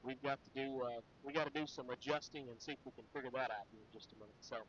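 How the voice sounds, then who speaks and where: A man's voice: mid-range voice, quick pace, fairly bright tone, a little hiss or hum. A man hosting a live sports pregame show, chatty with many fillers. His voice sounds muffled, as if through a wall. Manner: chatty, with frequent fillers and restarts. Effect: muffled, dull sound, as if through a wall. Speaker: sports broadcast host. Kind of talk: live pregame chat and sponsor reads.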